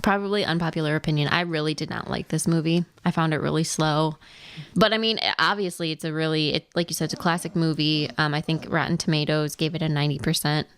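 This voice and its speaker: A woman's voice: sits low, steady tone, quick pace, clear, resonant tone. A woman from Wisconsin co-hosting a podcast, chatting casually and giving frank, matter-of-fact opinions with some fillers. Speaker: podcast co-host. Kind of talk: casual chat. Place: home studio.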